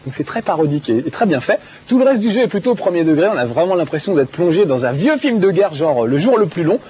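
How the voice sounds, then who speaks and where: A man's voice: on the high side, sing-song, quick pace, darkish tone, breathy edge. A male TV video game show host who chats enthusiastically and laughs often while playing a game, with many fillers. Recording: dull TV broadcast audio with faint music.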